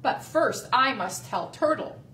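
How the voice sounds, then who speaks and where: A woman's voice: high-pitched, animated, unhurried, a bit bright, a little hiss or hum. A woman voicing an earnest skunk who hurries to share news. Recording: roomy, distant mic.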